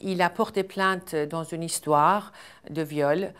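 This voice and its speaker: A middle-aged woman from Iran, a charity founder, answering interview questions earnestly and with measured pauses and frequent hesitations. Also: on the low side, steady tone, a bit bright, clean tone.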